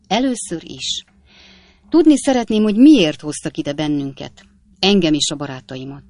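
A woman voicing a principled older gentleman in a storybook, formal and emphatic, standing on his rights with dignified indignation. The tone is lowish and dry, read close to the mic. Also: expressive, no room sound. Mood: indignant.

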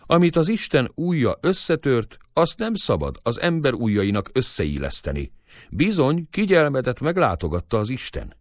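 A man voicing a gruff, stern village man who talks bluntly and harshly. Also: mid-range voice, sing-song, no echo, clean studio sound, pitched above the performer's own voice, close to an everyday voice. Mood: solemn, stern.

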